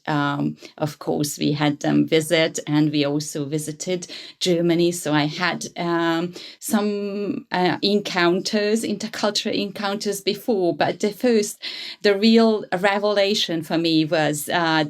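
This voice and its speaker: A woman from Hungary with a Hungarian accent, answering interview questions thoughtfully with frequent pauses and ums. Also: sits low, creaky. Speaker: guest.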